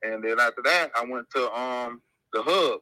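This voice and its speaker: Man on a speakerphone call, very bright. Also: mid-range voice, normal speed, no echo. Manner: strings events together with "and then after that". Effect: phone call played over speakerphone held to the mic. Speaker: guest football player. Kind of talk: casual rambling life story.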